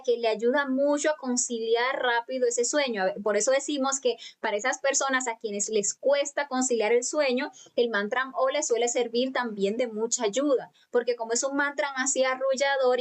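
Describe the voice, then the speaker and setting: Woman, patient instructor, calm lecture, elongated chanted syllables, computer mic. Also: high voice. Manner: speaks directly to students, many fillers and restarts. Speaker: spiritual teacher. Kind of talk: live online lecture on mantras. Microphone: computer mic for video conference.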